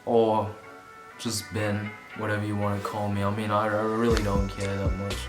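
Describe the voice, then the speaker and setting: A Vietnamese-born vlogger and musician in his twenties rambles casually to a camera about music, self-conscious and occasionally swearing. His voice is fairly low and monotone at a moderate pace, and the sound is roomy with music underneath.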